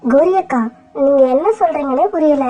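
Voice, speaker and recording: A woman voicing a gentle, self-sacrificing mother bird in a cartoon, soft and earnest. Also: sits high, moderate pace, dull audio, faint music behind, close to an everyday voice.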